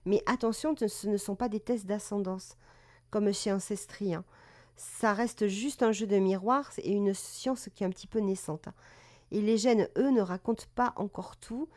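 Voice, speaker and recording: A woman's voice: medium pitch, normal speed, darkish tone. A woman hosting a casual live stream, chatty, with many fillers and self-corrections, greeting viewers as she talks. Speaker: live streamer presenting cat breed history.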